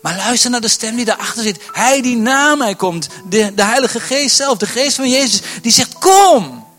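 Male pastor, high voice, passionate sermon, stumbling repeated starts, faint music behind. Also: moderate pace. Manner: impassioned, builds to near shouting; repeats words as he starts sentences. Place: church stage.

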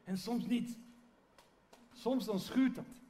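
A man's voice: high-pitched, slow, mellow. A man preaching a sermon to his church in an earnest, conversational way, often restarting his sentences. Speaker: pastor.

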